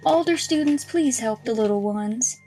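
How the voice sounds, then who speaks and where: A woman's voice on the high side, coaxing and sinister, belongs to an actress cast as a devout schoolteacher with a calm menace in a horror audio drama. Music plays behind her measured preaching.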